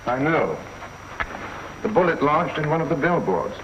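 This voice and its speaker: An actor playing a shrewd police inspector in a 1950s TV crime drama, measured, dry and quietly probing. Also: male voice, a little high, sing-song, noisy background. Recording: dull lo-fi 1950s TV soundtrack.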